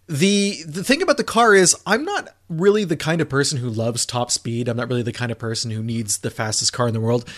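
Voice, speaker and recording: Man, casual podcast chat, enthusiastic, rambling, mid-pitched voice. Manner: enthusiastic, rambling with restarts and fillers. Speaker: car reviewer, podcast co-host.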